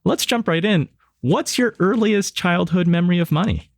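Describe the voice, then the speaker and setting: Enthusiastic male interview host; lowish, very lively pitch, dry recording. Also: moderate pace, dry recording. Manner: upbeat, enthusiastic questioner. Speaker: podcast host. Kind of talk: podcast interview hosting.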